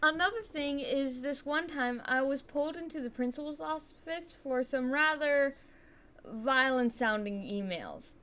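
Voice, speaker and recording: A teenage girl narrating a scripted storytime in a chatty, wry way. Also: high voice.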